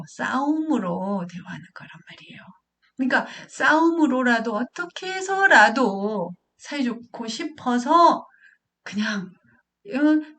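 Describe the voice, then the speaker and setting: Animated woman giving a parenting lecture. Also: on the high side. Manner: asks questions and answers them herself; acts out quotes of parent and child in a raised voice. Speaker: parenting counselor.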